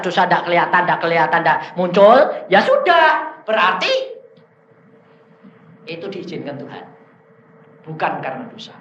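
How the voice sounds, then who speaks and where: A man preaching a sermon, telling stories in a lively way and mixing in local words. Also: a little high, a little hiss or hum. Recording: echoey hall, dull sound.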